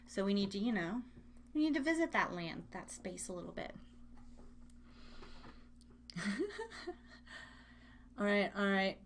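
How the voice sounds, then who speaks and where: Speaking at a medium pitch with lively intonation, this woman talks a little slowly and pauses often, with slight background noise behind her. She hosts a live online radio show and podcast, chatting casually and playfully, rambling and interrupting herself as she addresses listeners directly.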